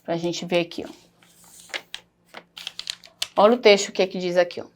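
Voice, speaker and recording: A woman's voice: lowish voice, fairly even intonation, normal speed, a little hiss or hum. Patient Brazilian woman teaching a class. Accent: Brazilian Portuguese. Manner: patient, explanatory, pointing things out as she goes. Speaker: primary school teacher. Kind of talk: recorded classroom lesson.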